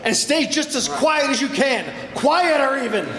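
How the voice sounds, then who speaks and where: A man playing a bossy, excitable police inspector who barks orders in an old-time radio crime drama. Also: very high voice, moderate pace, a loud crowd. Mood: bossy, excited. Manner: barking orders. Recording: echoey hall.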